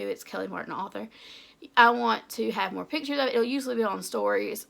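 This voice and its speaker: A young author and book YouTuber from Tennessee chats casually to camera about her goals in an Appalachian English accent, talkative and often laughing at herself. Her voice is a little high, gravelly, and sharp in tone.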